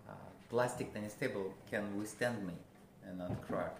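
A man with a Russian accent, a guest musician, talking casually in a halting way, searching for words with many fillers. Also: fairly low pitch. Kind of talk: casual interview. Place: a friend's house. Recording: roomy with background noise.

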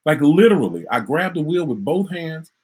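A middle-aged man from Minnesota recounting a personal story in an animated way, repeating words and acting out the voices. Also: on the high side, moderate pace, husky. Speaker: interviewee recounting a traffic stop.

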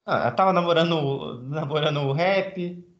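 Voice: mid-range voice, normal speed. A speaker with a mid-range voice gives opinions about a film and explains at length. The room echoes. The sound is dull and lo-fi. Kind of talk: casual film discussion.

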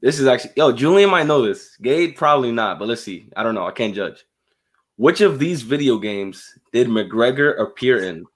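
A man's voice: medium pitch, animated, normal speed. A man running a casual trivia quiz among friends, teasing and laughing as he reads the questions. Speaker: quiz host. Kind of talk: casual chat.

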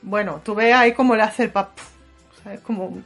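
A woman's voice: mid-range voice, brisk, soft background music. A woman co-hosting a comedy show, narrating and improvising a telenovela parody in a playful, bawdy way. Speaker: comedy podcast co-host.

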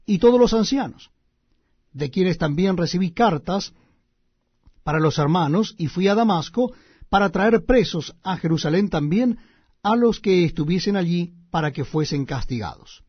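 A man's voice: high voice, animated, moderate pace, husky, no echo. A man voicing the apostle Paul in a scripture reading, declaiming earnestly. The recording is dull and lo-fi. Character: apostle Paul, a man defending himself before a crowd.

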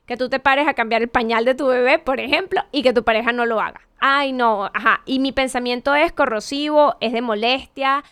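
A woman's voice: high voice, normal speed, few pauses, a bit bright, clean tone, no echo. A woman giving a conversational motivational talk, asking rhetorical questions and correcting herself as she goes. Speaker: motivational speaker.

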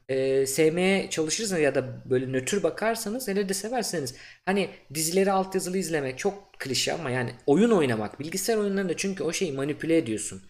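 A young man hosting a podcast interview, talking in a relaxed, chatty way with plenty of fillers. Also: fairly high pitch. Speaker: podcast host. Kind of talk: casual interview chat.

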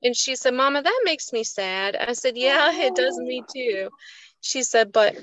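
A woman's voice: high voice, lively intonation, unhurried, fairly bright tone, no echo, low-quality recording. A woman, earnestly telling a personal story in a casual faith chat. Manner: earnest, emotional storytelling, folksy. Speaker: co-host of a faith show.

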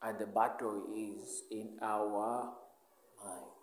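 A man's voice: lowish voice, flat delivery, slow pace, slight background noise. A man preaching a sermon, asking the listeners questions and answering them himself. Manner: emphatic call-and-response questioning. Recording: echoey room.

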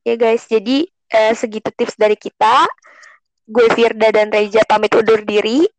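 Casting: Jakarta-accented young female podcaster, informal peer chat, lightly high register, dry room-free sound. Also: flat delivery, moderate pace, no echo, rough recording. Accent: Jakarta Indonesian. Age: young adult. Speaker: podcast co-host. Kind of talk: casual podcast chat with slang.

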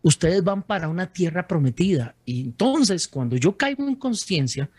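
A man's voice: fairly high pitch, darkish tone, slightly rough, dry recording. A man, an author telling his faith story as an interview guest, earnest, with many restarts.

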